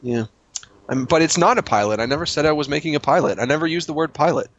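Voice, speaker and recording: Dry, offhand podcast host. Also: male voice, a little high, fast talker, dull audio, a little hiss or hum. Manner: dry, offhand, swears casually. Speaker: podcast host reading emails. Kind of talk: casual comedy podcast chat.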